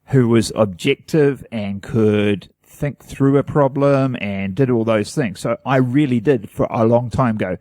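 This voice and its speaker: A man's voice: mid-range voice, unhurried, hardly any pauses, warm tone, no echo. A man from New Zealand co-hosting a podcast, chatting in an earnest, rambling, self-deprecating way. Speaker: podcast co-host. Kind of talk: casual chat.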